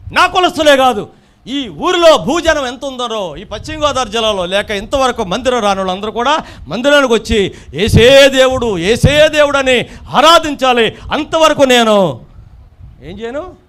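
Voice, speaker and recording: High-voiced preacher, emphatic swells. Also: male voice. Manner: preaching with loud emphatic swells and repeated phrases. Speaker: pastor. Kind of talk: sermon.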